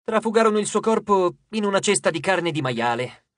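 Triptolemo-type: man doing a haughty, breezy male god, scornful lecturer, slightly high, dry studio read. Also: lively intonation, brisk, fairly bright tone, no echo. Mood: lecturing. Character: haughty petulant male god, dismissive and capricious. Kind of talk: audiobook character reading.

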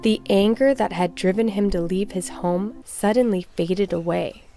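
A woman reads a children's storybook aloud at an average pitch and normal speed, with expressive, clearly phrased delivery for young listeners. Faint music plays behind her.

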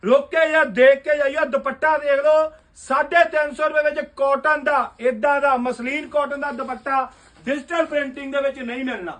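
A man pitches clothes at the top of his lungs, his voice sitting extremely high for a man. He runs a basement clothing shop and hawks prices rapid-fire, as a loud live sales call. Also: steady tone. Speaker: shopkeeper selling suits.

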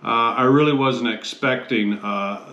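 An American man in his fifties giving a casual review to camera in a measured, halting way, often pausing mid-phrase. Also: medium pitch, sharp tone, highs cut off. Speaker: host of a pipe tobacco review show. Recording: roomy, echoey sound.

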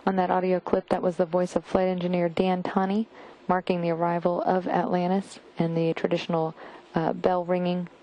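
Woman, mission control commentary, flat delivery, soft mellow tone, factual. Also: lowish voice, low-quality recording. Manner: measured, factual announcing. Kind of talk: live spaceflight commentary.

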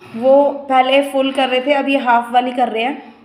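A woman's voice: high voice, flat delivery, normal speed. Teasing woman vlogger in echoey room. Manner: teasing, giggly banter. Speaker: vlogger filming her husband. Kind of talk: playful home vlog chat. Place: echoey home gym room.

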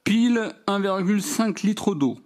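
Man, French accent, fairly high voice, matter-of-fact, step-by-step product demo. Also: lively intonation, unhurried, a little mellow. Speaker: DIY product reviewer. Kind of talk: hands-on product demonstration voice-over.

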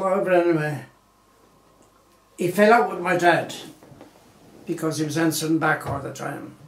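Old gent in his 90s, reminiscing for an oral history, rather high voice, roomy echo. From Galway, Ireland. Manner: rambling, with many pauses and fillers. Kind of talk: unhurried storytelling reminiscence. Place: small living room indoors, seated in armchair. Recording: roomy living-room echo.

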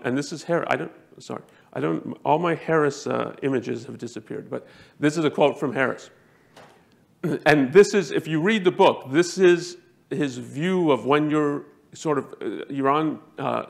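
A man giving a lecture to a live audience, talking emphatically, jumping up in pitch to stress points and often restarting his sentences. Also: creaky. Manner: self-correcting, frequent restarts.

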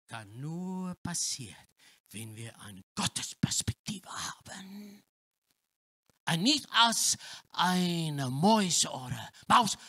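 A male pastor preaching a sermon in with grammar slips, dropping to hushed tones and rising to shouts of praise. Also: on the high side. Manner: non-native German with grammar slips, swings from hushed to shouting. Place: church hall.

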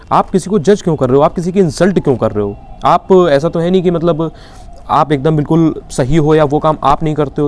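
A man with an Indian accent delivers a heated YouTube opinion piece. His voice sits a little high for a man, and he presses his points with one indignant rhetorical question after another. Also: a little mellow. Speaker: YouTube commentator. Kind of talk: opinion commentary vlog.

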